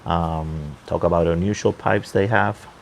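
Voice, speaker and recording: Low, gravelly man chatting at night. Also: steady tone. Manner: halting, unhurried, keeping his voice down. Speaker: livestream host and pipe hobbyist. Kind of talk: casual off-the-cuff livestream chat. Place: outdoor balcony at night near a pool. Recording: faint water noise in background.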